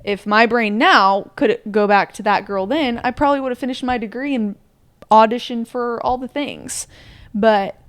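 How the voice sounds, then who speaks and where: Smooth-voiced earnest young woman. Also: fairly high pitch, moderate pace, no room sound, studio quality. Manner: earnest, heartfelt, thinks aloud with many "like"s. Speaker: podcast co-host. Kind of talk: casual reflective chat.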